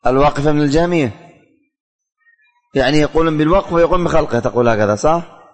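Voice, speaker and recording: Man, teacher, questions students by name, slightly high voice, reverberant hall. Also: fast talker, faint music behind. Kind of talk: classroom theology lesson, questioning students.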